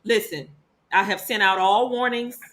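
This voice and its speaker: A woman's voice: medium pitch, steady tone, normal speed, a bit bright. A woman hosting an online talk show, upbeat and teasing her guests. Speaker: show host. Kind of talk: casual hosted chat.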